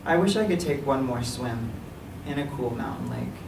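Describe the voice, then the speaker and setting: At a library-room public reading, a man performs his own verse monologue in a medium-pitched, expressive voice at a normal pace. The distant mic picks up clear noise and lots of room echo.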